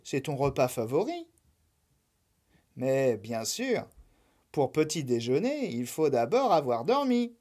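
A woman voicing a gentle, patient female spirit of the Night, soft and coaxing. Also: rumbling low, sing-song, slow pace, pauses often, heavily acted.

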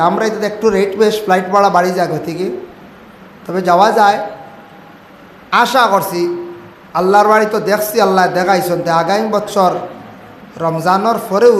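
A man with a Sylheti Bengali accent preaches in a high, ringing voice, sliding into a sung chant and leaping up in sudden cries. His voice bounces around a reverberant sermon PA, and a faint hum of open-air ambience sits beneath it. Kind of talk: Islamic sermon.

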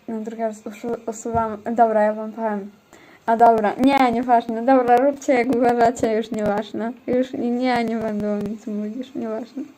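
Unhurried high-voiced woman streamer. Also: mellow, slight background noise. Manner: chatty, talks to chat and teammates. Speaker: game streamer. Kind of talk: casual livestream chat while gaming.

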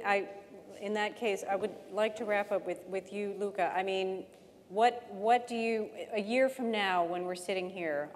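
A woman moderating a panel discussion on a studio stage, often pausing to search for words. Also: fairly low pitch, darkish tone, slight background noise. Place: studio stage, seated in chair. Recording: long stage reverb, faint ambience.

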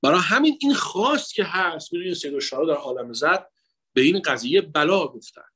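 Delivering a religious lecture that mixes psychology with preaching, this guest speaker at a religious mourning night has a slightly high, husky male voice. His lively, emotional address to the audience swings between loud, emphatic phrases and quiet asides.

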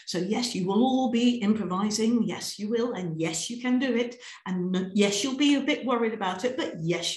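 A British woman leading a piano teachers' webinar, lively and encouraging, singing and chanting rhythms as she demonstrates. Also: fairly high pitch, roomy sound.

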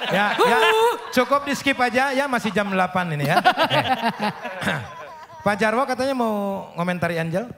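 A man's voice: high voice, animated, gravelly, heavy background noise. A man moderating a comedy show panel, keeping the banter moving. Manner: brisk, moderating.

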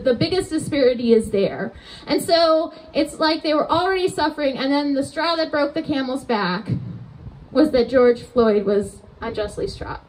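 Standing at a church entrance outdoors, a pastor delivers a conversational sermon into a stand-mounted mic, her voice high-pitched and the recording low in quality. She gestures animatedly as she preaches and frequently asks the congregation rhetorical questions.

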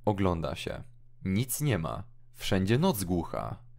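A gentle older village priest, read by a man who speaks softly and soothingly. The voice is deep and hushed, with a slow and consoling pace. It is an audiobook drama reading. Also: big pitch swings, creaky, heavily acted.

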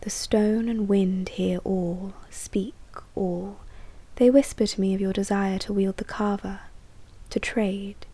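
A woman whispering as an ancient lurking dark being. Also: medium pitch, fairly even intonation, husky. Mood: eerie. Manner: whispered, slow, purring. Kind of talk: audiobook character voice.

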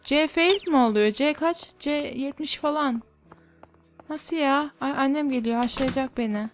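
A woman's voice: high-pitched, measured pace, soft background music. A woman giving casual gameplay commentary as a YouTuber, grumbling in exasperation as she reacts to the game. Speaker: gaming YouTuber.

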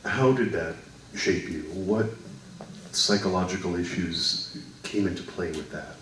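A middle-aged man hosts with formal, courteous phrasing, his voice low. He sounds distant in a very echoey hall, with faint room noise behind. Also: measured pace, a bit bright. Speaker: host. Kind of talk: interview hosting. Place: small hall on a stage. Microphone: handheld mic.

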